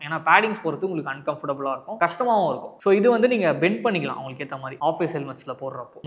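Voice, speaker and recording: Speaking with an Indian Tamil accent and a slightly high voice, a man presents an unboxing and product review. He explains things straight to viewers and mixes English words into his speech.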